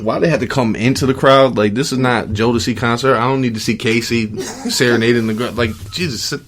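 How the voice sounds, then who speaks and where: A man's voice: medium pitch, steady tone, fairly quick. A man co-hosting a podcast, chatting casually and telling stories, often laughing and acting out the voices of people in them. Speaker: podcast co-host. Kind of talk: casual chat, animated storytelling.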